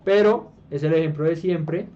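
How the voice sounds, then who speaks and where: A man's voice: normal speed, dark tone. Colombian man leading a casual Bible study. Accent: Colombian Spanish. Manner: conversational, asks listeners "¿listo?" and "¿sí?" often; hesitant restarts while explaining. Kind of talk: informal group Bible study. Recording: dull low-fi room recording with faint hiss.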